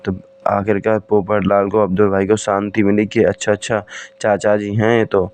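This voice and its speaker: Smooth, flat-voiced man retelling a story. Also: on the low side, normal speed. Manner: keeps addressing friends, repeats and restarts. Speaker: channel narrator recapping a TV comedy. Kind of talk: casual storytelling recap.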